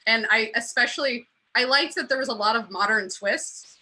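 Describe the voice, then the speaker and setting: A woman hosting a casual panel discussion, chatty and quick with frequent fillers. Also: a little high, bright, forceful tone, low-quality recording. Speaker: host.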